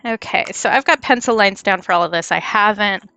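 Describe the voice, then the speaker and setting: A woman's voice: mid-range voice, brisk, sharp tone, smooth, no room sound, faint music behind. A young woman chatting casually on a livestream while she draws, rambling and stumbling over her words with self-deprecating asides. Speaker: streamer.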